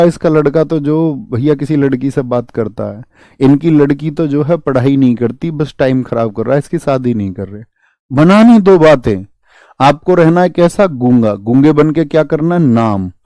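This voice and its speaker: A young male coaching teacher drills his students with quick rhetorical questions and tosses English words into his lesson. His voice sits a little high yet sounds mellow and dark, and it is recorded dry and close with no room echo. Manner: mixes English words into explanations. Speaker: exam-prep teacher.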